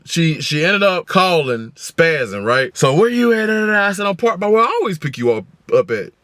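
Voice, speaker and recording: A young American man in an animated, casual storytime rant, slangy and acting out the people he talks about. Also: on the high side, fairly quick, no echo, studio quality. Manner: animated, slangy, acts out both sides of arguments. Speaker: storytime vlogger.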